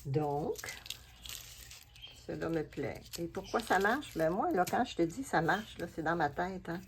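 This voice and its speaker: A woman with a Québécois accent and a low, deep-set voice talks through her collage work in a casual craft vlog. She muses aloud in an unhurried, chatty way, half to herself and half to her viewers. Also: lively intonation, slight background noise. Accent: Québécois French. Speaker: collage artist. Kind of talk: casual craft vlog, talking while working.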